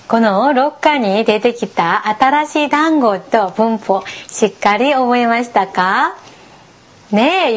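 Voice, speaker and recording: Woman, language teacher, high lively voice, patient, encouraging, slow clear model pronunciation. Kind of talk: beginner language lesson for learners.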